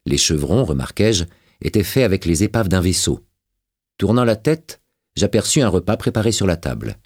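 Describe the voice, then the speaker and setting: A man narrating a novel as an audiobook, with a dramatic and expressive reading. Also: deep voice, moderate pace, slightly rough, no echo, clean studio sound.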